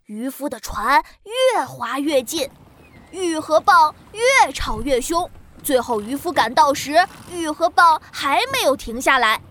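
A woman narrating a children's story in a gentle, expressive way. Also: high-pitched, slight background noise. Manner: gentle, expressive, slow-paced.

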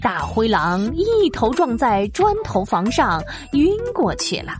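A woman's voice: a little high, sing-song, measured pace, over music. A woman narrating a scripted story for children.

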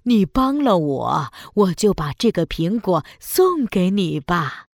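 A woman voicing a scheming old female sea witch in a children's audio story, with a sly, creaky old-lady manner. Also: on the low side, very animated, takes it slowly, dry recording, clean studio sound, heavily acted. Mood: sweet-talking.

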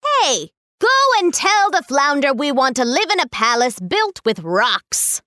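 A woman's voice: sits high, very animated, measured pace, pushed and bright, dry recording, full character voice. Woman playing a greedy nagging old wife. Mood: scheming. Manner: scolding, whiny. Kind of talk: children's audio storybook acting.

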